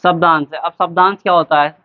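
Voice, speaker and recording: In a classroom-style lesson, a man with a voice on the high side teaches English grammar in a steady tone. He asks questions and answers them himself, calls the students "beta", and spells words out slowly letter by letter, all captured on a tinny, phone-like lo-fi recording.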